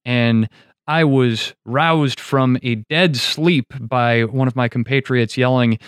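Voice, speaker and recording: A man's voice: medium pitch, slow pace, clear, resonant tone, no echo. Wry male host, dry studio voice. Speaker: podcast host. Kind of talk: casual chat and scripted narration.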